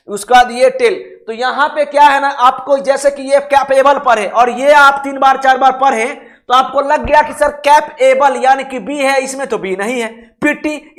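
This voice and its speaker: A man teaching reasoning in a casual live online lesson, often checking "okay?" and spelling words out letter by letter. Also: very high-pitched. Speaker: online exam-prep teacher.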